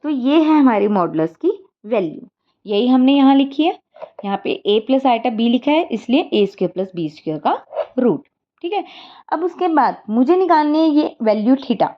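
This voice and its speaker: A woman's voice: high-pitched, very animated, moderate pace, dull audio. A woman maths teacher, explaining a lesson step by step and often checking that students follow.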